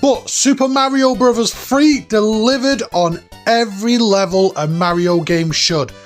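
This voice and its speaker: Male countdown host, around forty, fairly high voice, enthusiastic and emphatic, faint music underneath. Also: measured pace. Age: late 30s to early 40s. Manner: emphatic, nostalgic, informal with mild swearing. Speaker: host of a retro gaming countdown. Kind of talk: enthusiastic scripted video commentary. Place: cabin, indoors.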